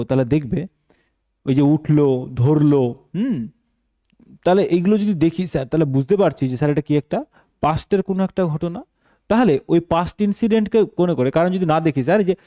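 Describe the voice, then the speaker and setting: A man is teaching an exam-preparation class. His voice sits a little high but sounds mellow and warm. He keeps putting questions to his students and then answers them himself. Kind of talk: translation lesson for exam students.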